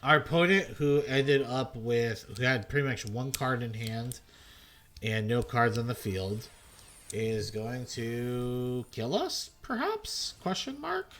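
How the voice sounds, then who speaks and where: A man's voice: mid-range voice, fairly even intonation, slow pace, a bit bright. A man giving loose, self-mocking gameplay commentary as a video host, swearing freely. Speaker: gaming content creator.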